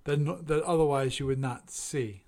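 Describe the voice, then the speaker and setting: Alone on his casual show, a podcast host thinks out loud, chatting and revising his own words as he reviews. The man's voice is on the high side with a darkish tone, at a moderate pace.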